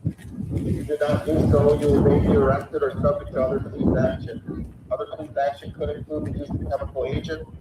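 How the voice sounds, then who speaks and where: A male police officer reading a formal dispersal order in a commanding tone, blasted through a long-range loudspeaker sound cannon at a street protest. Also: a little high, completely flat delivery, a little fast. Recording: echoey far-off loudspeaker with loud street noise.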